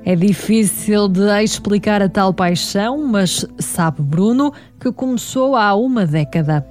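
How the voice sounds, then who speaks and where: A woman reporter with a European Portuguese accent narrates a scripted feature. Her pitch is average, and faint music plays behind her. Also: unhurried, darkish tone. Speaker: reporter and interviewer.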